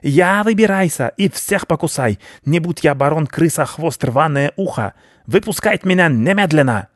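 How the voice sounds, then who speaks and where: A man's voice: medium pitch, lively intonation, moderate pace, dry recording, studio quality, pitched above the performer's own voice, natural voice. A man voicing a pompous, vicious male rat baron who talks in broken grammar, for a storybook reading. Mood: furious. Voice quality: broken grammar, haughty and blustering.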